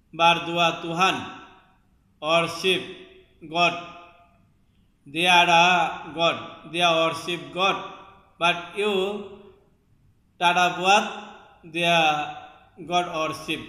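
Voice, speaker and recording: A man's voice: high voice, steady tone, very slow, pauses often, bright, forceful tone. A man arguing religion in a heated, repetitive way, sometimes half-singing the lines he quotes. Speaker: religious preacher. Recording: echoey hall reverb.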